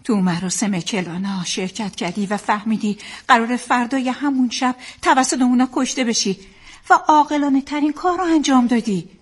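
A woman's voice: on the high side, slightly rough. An actress playing a loving wife and mother who soothes and firmly reassures her troubled husband, in a dubbed drama. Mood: comforting. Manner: soothing, firm. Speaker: dubbing actor.

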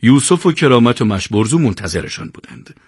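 A man narrating a war story as an animated storyteller. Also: medium pitch, breathy edge, no echo, clean studio sound. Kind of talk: scripted audiobook narration.

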